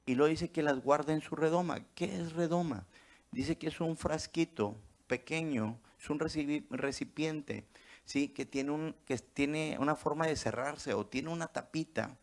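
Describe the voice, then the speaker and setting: Gravelly-voiced male pastor preaching. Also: a little high, measured pace. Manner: asks rhetorical questions, checks in with the congregation. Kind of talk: sermon.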